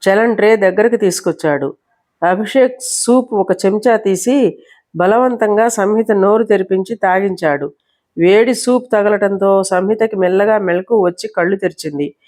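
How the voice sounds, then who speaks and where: Woman storyteller, steady expressive novel reading, mid-pitched. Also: normal speed.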